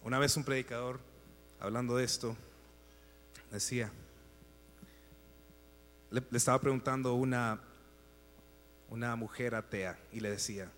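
A man preaching a sermon, emphatic, swinging between loud exhortation and hushed, quiet asides. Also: mid-range voice, fairly even intonation, unhurried, long pauses. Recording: long reverb with mains hum.

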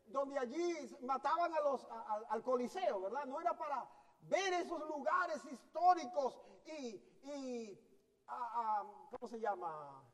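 A man preaching a sermon in a teaching manner, asking the congregation rhetorical questions and often restarting his sentences. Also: very high voice. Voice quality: hesitant restarts mid-sentence. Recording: long hall reverb.

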